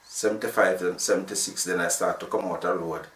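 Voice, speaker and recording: This man from Jamaica, a sound system founder in his sixties, has a low-pitched, fairly bright voice with fairly even intonation and a brisk pace. Speaking with a Jamaican accent in a casual interview, he tells his story in a rambling, restart-filled way. He is far from the mic, and the recording sounds roomy.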